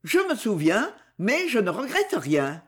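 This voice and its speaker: Reader doing a cold possessive young wife, calm but fierce, lively pitch. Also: a little slow. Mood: triumphant. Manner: low, calm, intense. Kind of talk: audiobook character reading.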